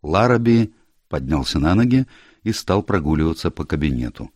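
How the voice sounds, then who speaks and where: A man with a deep, low voice narrating a novel in an even, clear storytelling manner. His intonation is lively and expressive, and the recording is dry and close, with no room sound. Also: normal speed, no echo. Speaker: audiobook narrator. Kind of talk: scripted narration.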